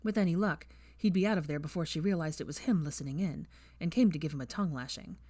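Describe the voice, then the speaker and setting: This fan fiction audiobook is read by a woman whose voice sits fairly low. Captured dry and up close without room echo, her narration stays even and measured, leading the listener scene by scene.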